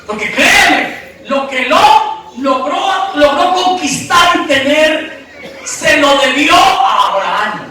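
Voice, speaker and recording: In an echoey church hall, a distant recording with faint hiss or hum captures a pastor's sermon. His very high male voice preaches with emphasis, putting questions to the congregation and erupting into shouts.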